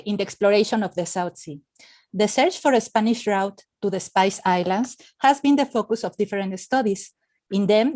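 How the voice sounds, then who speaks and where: A woman's voice: medium pitch, a little mellow. A woman from Mexico reading her prepared conference paper aloud with careful delivery. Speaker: panel speaker.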